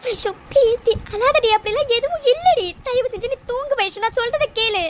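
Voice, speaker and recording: A woman acts out a worried young best friend in a cartoon love story. She pleads and soothes in a very high voice, repeating herself. Faint noise sits under the recording. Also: moderate pace. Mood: pleading. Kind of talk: cartoon drama voice acting.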